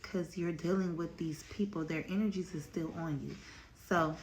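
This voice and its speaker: A woman's voice: on the low side, fairly even intonation, moderate pace, slight background noise. A woman hosting her own channel, telling a personal story in a candid, slangy, casual way straight to her viewers. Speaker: storytime vlogger, channel host.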